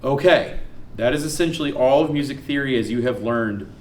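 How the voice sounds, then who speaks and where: A man teaching a music theory class, quizzing students and counting notes aloud in a lively lecture. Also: medium pitch, a little fast, distant mic, a little hiss or hum. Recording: roomy classroom with guitar behind.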